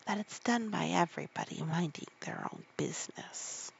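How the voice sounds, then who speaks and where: A woman's voice: fairly low pitch, moderate pace, gravelly, slightly rough, dull audio, full character voice. A woman voicing a polite, curious little girl in a storybook read-aloud. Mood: timid, cautious. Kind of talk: sleepy read-aloud of a children's classic.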